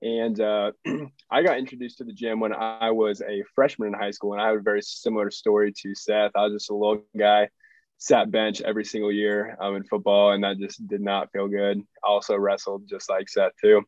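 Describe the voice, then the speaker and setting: A man's voice: lowish voice, little pitch movement, brisk, a little mellow, dry recording. A young man from Nebraska co-hosting a casual fitness podcast over a remote call. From Nebraska, US Midwest. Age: young adult. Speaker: podcast co-host, fitness coach. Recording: slightly dull, dry remote call.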